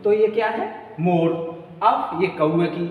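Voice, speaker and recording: A man's voice: high voice, slow pace, phone-quality sound. A man teaching a lesson, repeating points and asking and answering his own questions. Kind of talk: classroom lecture. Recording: echoey room, mic at a distance, faint hum.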